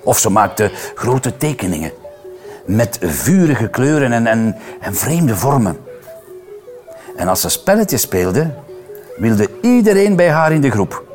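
A man reads a children's story aloud, expressive and playful. His pitch swings in a lively, animated way. Faint music sits underneath the reading. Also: slow pace, long pauses. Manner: expressive, playful, voices each character. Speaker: reader.

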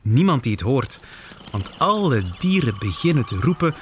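A man reading a picture book aloud to children, expressive with playful asides. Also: medium pitch, normal speed, a little hiss or hum. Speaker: storyteller.

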